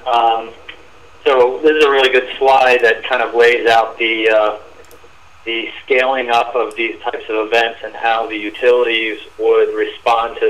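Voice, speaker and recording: A man with a low, level voice explains a slide in a webinar. He talks hesitantly and leans on "uh" between phrases. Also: a bit bright, rough recording. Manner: hesitant, many fillers. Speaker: industry speaker on a webinar.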